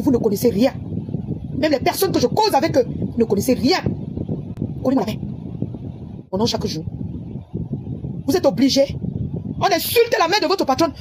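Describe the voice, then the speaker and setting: A woman's voice: high-pitched, background noise. A woman, scolding and repeating herself in an angry livestream on her phone camera. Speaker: social media personality.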